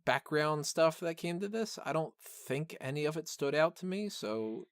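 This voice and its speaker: With a fairly high, animated voice at a moderate pace, a podcast host gives a casual, unscripted film review, rambling conversationally and tossing in blunt opinions, the odd joke, and lots of "like" and "kinda." The studio-quality recording has no room sound.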